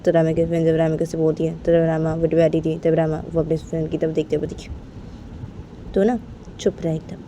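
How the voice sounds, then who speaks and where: Low, mellow woman narrating a story. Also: completely flat delivery, slight background noise. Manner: repetitive, unhurried retelling.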